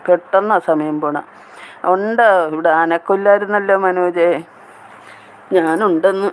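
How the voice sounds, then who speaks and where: Flat-voiced chatty woman hosting a live stream. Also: on the low side, slight background noise, low-quality recording. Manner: chatty, reads viewer comments aloud and answers them by name. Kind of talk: casual live chat with viewers.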